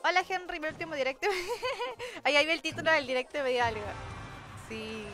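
A young woman streams a game from home, chatting casually, thanking viewers and reading their messages aloud while giggling often. Her high voice is animated, fairly quick, bright and forceful. Game music plays clearly beneath her.

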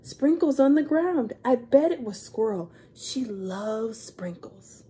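An earnest storybook cat detective, read by a woman speaks in a high, slightly breathy voice. The phrases are simple and emphatic, meant for small children. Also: lively intonation, slow pace, dark tone, full character voice. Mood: suspecting.

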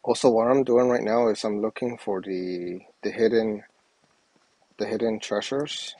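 A man's voice: fairly low pitch, fairly even intonation, a little slow, dark tone, no echo, poor audio. A man giving casual, rambling gameplay commentary with hesitant phrasing, recorded on wireless earbuds. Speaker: gaming video host.

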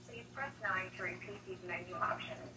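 Woman's recorded phone menu message, higher voice. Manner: slow, even, polite announcing. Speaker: phone system announcer. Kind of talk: scripted phone menu announcement. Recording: distant noisy phone line.

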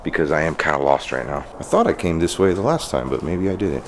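Male night vlogger, deep register, nervous and hesitant, long reverberant empty interior. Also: expressive. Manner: uneasy, halting. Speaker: paranormal explorer and vlogger. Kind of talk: nervous night vlog, casual chat. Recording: echoey empty prison halls, faint noise.

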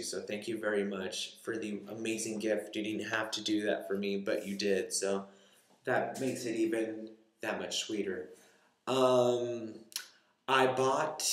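A man chats with his viewers in an unhurried, meandering way and keeps circling back with fillers. His voice sits at an ordinary pitch for a man. The room around him gives the sound a noticeable echo. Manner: rambling, many fillers and restarts. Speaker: vlogger. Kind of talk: casual vlog chat. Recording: echoey room.

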